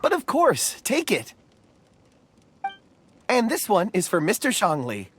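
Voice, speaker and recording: A man voicing a polite, gentle, dreamy young man in a video game, speaking earnestly. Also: sits high, wildly swooping pitch, slow, a little hiss or hum, heavily acted. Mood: pleased, polite. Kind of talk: scripted video game dialogue.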